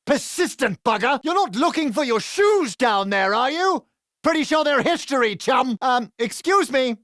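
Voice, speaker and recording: A man with a British accent voicing a crude, sardonic male adventurer who trades cheeky, quick-witted quips in a video game. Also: extremely high pitch, lively intonation, a bit bright, no room sound, studio quality. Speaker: playable game character.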